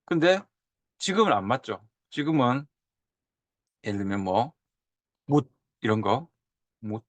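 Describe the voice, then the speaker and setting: 옛 문헌을 보여 주며 예시 발음을 되풀이해 가며 강의하는 남자 교사. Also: male voice, mid-range voice, normal speed, dry recording. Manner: animated, drawls and repeats example sounds. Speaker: teacher. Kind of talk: lecture on old Korean script.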